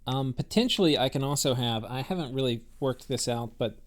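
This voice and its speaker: A man's voice: medium pitch, fairly quick. A man giving casual, rambling commentary on a strategy game he is playing, thinking aloud with many fillers and restarts. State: has the hiccups.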